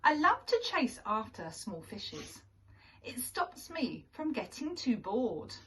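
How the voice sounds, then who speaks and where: A boastful hunting swordfish from a picture book, read by a woman, is playfully bloodthirsty. The voice moves up and down in pitch and takes its time. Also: big pitch swings, slow pace, fairly bright tone, recorded from a distance, a little hiss or hum, exaggerated voice, poor audio.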